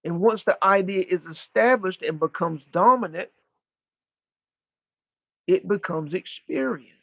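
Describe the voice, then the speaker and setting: A man channeling spiritual teachings like a seance medium, speaking as a guide in deliberate, formal, emphatic phrases with pauses and repetition, on a muffled recording. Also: sits high, gravelly, fairly bright tone, no echo. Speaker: channeler leading a live spiritual session.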